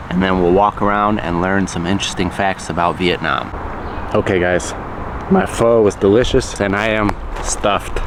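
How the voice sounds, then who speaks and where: An American man whose first language is English speaks slowly and plainly in a fairly low voice. He is a language teacher and vlogger making a clear, slow English lesson vlog, pausing between bites of food and deliberately explaining words for learners as he goes. Steady traffic and street noise hum in the background.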